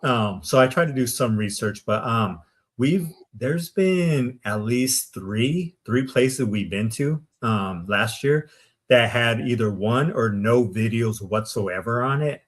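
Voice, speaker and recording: A man from Arizona, a podcast guest, recounts his paranormal investigations in a loose, rambling way. He fills his talk with "um" and tags many sentences with "right?". His voice sits at an ordinary middle pitch for a man. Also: animated, takes it slowly. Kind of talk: casual interview storytelling.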